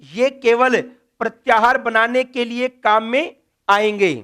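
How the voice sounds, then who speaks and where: A man's voice: very high voice, steady tone, measured pace, bright, forceful tone, smooth. A man teaching Sanskrit grammar in a classroom lecture, drilling letters one by one and answering his own questions.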